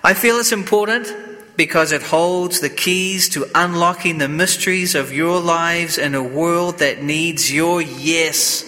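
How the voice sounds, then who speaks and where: A man, a priest, reading the gospel and preaching a homily at Mass in a slow, measured way, his voice carrying a cathedral echo. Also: a little high, pushed and bright. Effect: cathedral-like echo with long reverb. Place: church during Mass. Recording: long church reverb.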